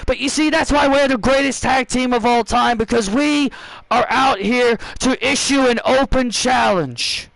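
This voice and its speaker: A cocky, shouting wrestler hurls boasts and insults at the crowd, put on by a man. The voice sits very high and goes up further when he yells. The sound is dry and close. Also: unhurried, gravelly, no room sound, heavily acted, rough recording. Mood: taunting. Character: brash loud male wrestler cutting a promo.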